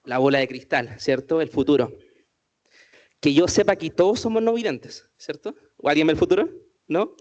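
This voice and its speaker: A man's voice: fairly high pitch, moderate pace, a little mellow, muffled recording. A man giving an inclusion workshop to a group, asking the audience many questions as he goes. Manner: asks the audience many questions, says "¿cierto?" often. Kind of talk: interactive talk to a group.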